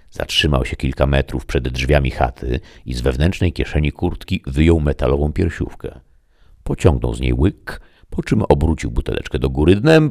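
A man narrating a story in a steady, measured way. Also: a bass voice, gravelly, dry recording, studio quality. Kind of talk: scripted narration.

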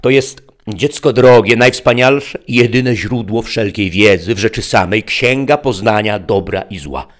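A man voicing a sly, smooth-talking male stranger who tempts a child with coaxing words. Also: fairly low pitch, unhurried, voice pushed up, natural voice.

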